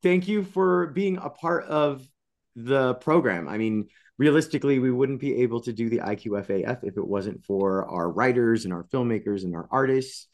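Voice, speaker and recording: A man in his thirties hosting a writer interview on a video call, talking in an animated, expressive way. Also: mid-range voice, normal speed. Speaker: interview host. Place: home studio with colored light strips.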